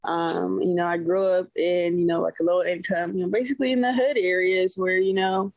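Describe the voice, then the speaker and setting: A woman from the San Francisco Bay Area, USA, guests on a podcast as the owner of a cloth diaper brand. Her low-leaning, darkish voice is steady and a little fast, with no echo, as she rambles through a casual interview full of fillers like "you know."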